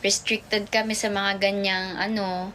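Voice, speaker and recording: A woman's voice: medium pitch, little pitch movement, unhurried, a bit bright, slight background noise. A young woman idol chatting casually on a phone livestream from home, reading viewer comments aloud and mixing two languages. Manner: chatty, switches between Tagalog and English, reads viewer comments aloud.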